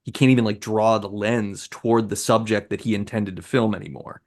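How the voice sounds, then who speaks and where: A man's voice: fairly low pitch, steady tone, a little fast. A man co-hosting a podcast, chatting casually and thoughtfully about a film, with lots of rambling "like"s. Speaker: podcast co-host.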